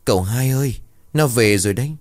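A man's voice: fairly low pitch, animated, normal speed, a little mellow, natural voice. A man voicing a frightened, tearful middle-aged woman homeowner who speaks in an emotional, pleading way.

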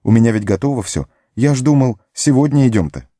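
A man's voice: lively intonation, a little fast, mellow, dry recording, studio quality, close to an everyday voice. A man voicing a loyal, fretful young male hobbit servant in an audiobook, pleading and tearful in a raised voice. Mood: stubborn. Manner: high pleading, sobbing, breathless. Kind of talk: audiobook character voice.

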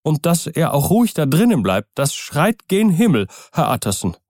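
Old manservant, scared and insistent, pitched up, read by a man. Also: sing-song, moderate pace, a little mellow, no echo, studio quality. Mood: agitated, fearful. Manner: urgent, pleading, rising pitch. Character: agitated old male butler, fearful.

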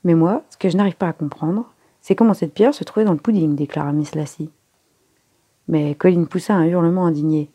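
A woman reading a story aloud as narrator, lifting her voice for the characters' lines, with a husky tone. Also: fairly quick, dark tone, dry recording. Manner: voices the characters' lines with raised pitch and force. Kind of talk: audiobook reading.

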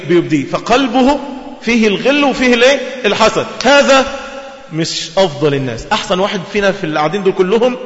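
A man with an Egyptian accent preaching a sermon, lively and asking his audience rhetorical questions. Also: high-pitched. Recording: echoey hall, dull lo-fi sound.

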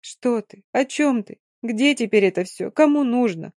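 A woman's voice: on the high side, expressive, measured pace, darkish tone, no room sound, pitched above the performer's own voice. Grieving, frightened young Romani woman, voiced by a woman reader; pleading and tearful, dry read.

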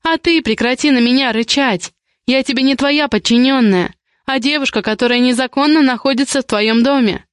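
A woman reading aloud as a feisty young heroine of a romance audiobook, her voice pitched well above the reader's own. She fires back sharp, indignant retorts. The sound is close and dry, with no room around it. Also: normal speed, no room sound, close to an everyday voice.

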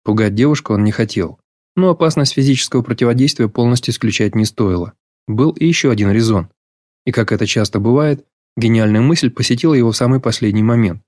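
A man with a medium-pitched voice narrates a novel as an audiobook, reading from a script in a measured, even storytelling style. The recording is studio quality with no room sound.

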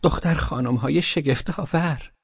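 A man reading an audiobook, voicing two young girls who shout together in high, excited voices. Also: vocal fry, husky, no room sound, full character voice. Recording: dull lo-fi sound.

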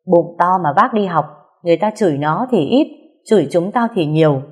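A woman's voice: fairly low pitch, lively intonation, a little fast, breathy edge. Woman doing a furious scolding father. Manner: shouting, scolding. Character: angry stern middle-aged father.

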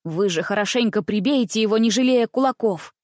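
A woman's voice: medium pitch, brisk, darkish tone, no room sound, close to an everyday voice. Brief: bossy plotting young man, read by a woman, giving orders, close dry sound. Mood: bossy scheming. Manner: commanding, plotting. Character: scheming bossy eldest brother, young man.

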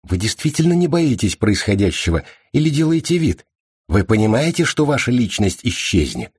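A man's voice: medium pitch, big pitch swings, normal speed, darkish tone, husky, dry recording, studio quality, voice pushed up. A man voicing a sly, evasive young male hacker in an audiobook, with a smug, teasing manner. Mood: incredulous. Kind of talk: audiobook character voice.

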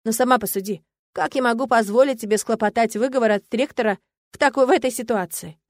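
Smug young nobleman from a storybook, calm and mocking, read by a woman with a fairly high voice. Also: fast, no echo, clean studio sound, natural voice. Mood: teasing. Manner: mocking, unflappable. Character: cocky noble young man, teasing.

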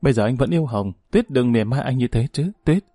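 A man's voice: medium pitch, animated, quick pace, dark tone, no echo, close to an everyday voice. A young airman mechanic pleads urgently in this audiobook scene, as the narrator voices him in close to his own voice. His words come out strained and anxious. The sound is dry, with faint music behind. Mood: pleading. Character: young male airman mechanic, torn and desperate.

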